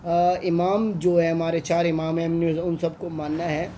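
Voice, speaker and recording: Slow, patient Pakistani tutor man. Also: a little high, little pitch movement, dark tone, a little hiss or hum. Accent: Pakistani Urdu. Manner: patient, repetitive, draws out letter sounds. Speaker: online Quran tutor. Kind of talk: teaching Arabic letters.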